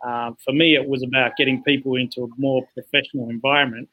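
With phone-quality sound, a man of medium pitch talks fast with little pitch movement. A guest on a casual podcast, he was born in Zambia, raised in England, and founded a futsal organisation, and he describes his work at length with lots of "you know."

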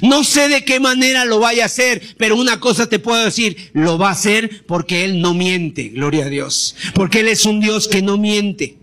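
A man preaching a sermon, impassioned, acting out prayers and rising to shouts during pleas. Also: sits high, moderate pace, few pauses. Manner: acts out prayers and quoted pleas.

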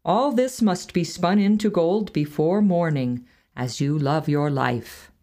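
A woman reading a storybook and voicing a greedy king in a lower, measured, commanding tone. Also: mellow. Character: greedy fairy-tale king, stern and commanding.

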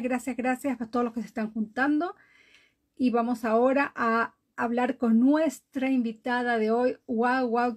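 A woman's voice: on the high side, a little mellow. A woman from Ecuador hosting a live online interview show, talking in a chatty, exclamatory way and laughing often. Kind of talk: casual live-stream chat. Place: home in Norway. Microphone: video call. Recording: dull lo-fi live-stream audio.

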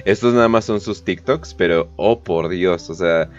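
A man's voice: low-pitched, moderate pace. A man with a Mexican accent hosting a podcast, giving slangy, profane, joking commentary on the news with lots of fillers. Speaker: podcast host. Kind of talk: casual comedic news commentary. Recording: dull lo-fi podcast audio, faint music.

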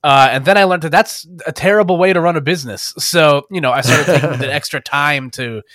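Joking, animated man co-hosting a podcast. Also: fairly high pitch, brisk, dry recording, studio quality. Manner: animated, joking, says "listen" a lot. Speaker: podcast co-host, esports commentator. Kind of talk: casual podcast chat.

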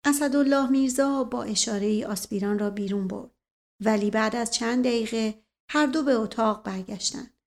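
Woman, audiobook narration, measured storytelling, slightly high voice. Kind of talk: audiobook narration with character dialogue.

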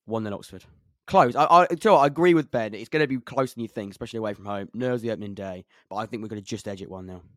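A man's voice: on the low side, rapid-fire, hardly any pauses, dry recording, clean studio sound. An English man hosting a casual football podcast, chatty and self-deprecating, laughing often. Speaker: podcast host.

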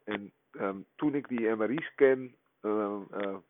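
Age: 40s. Sex: man. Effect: voicemail over a tinny phone line. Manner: halting, many fillers. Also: fairly low pitch, slight background noise. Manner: halting, full of hesitations and filler sounds. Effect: voicemail message played over a phone line. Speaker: podcast co-host. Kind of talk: rambling spoken voicemail.

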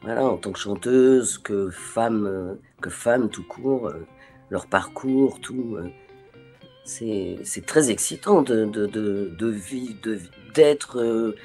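Animated, hesitant French voice actress. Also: female voice, extremely low pitch, slow, soft background music. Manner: animated, acts out remembered dialogue; hesitant, with frequent restarts. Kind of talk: interview conversation.

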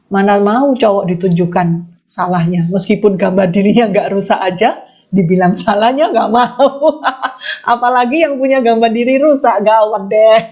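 Lively woman giving faith-based advice. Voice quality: animated, acts out quoted lines with big pitch jumps. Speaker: speaker answering questions on a live session. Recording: muffled lo-fi stream audio.

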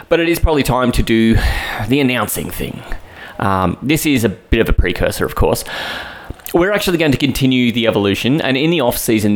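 An Australian man opens his podcast in an upbeat, tongue-in-cheek announcer style. His pitch swings widely, with plenty of lift as he rattles through his lines. Music plays underneath. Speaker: podcast host. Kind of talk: scripted podcast intro.

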